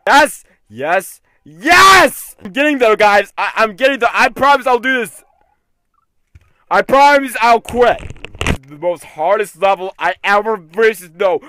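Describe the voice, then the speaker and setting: High, bright-voiced man, excitable game commentator, prone to shouting at the character. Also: no room sound, poor audio. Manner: repeatedly tacks "though" onto sentences. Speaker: gaming video host.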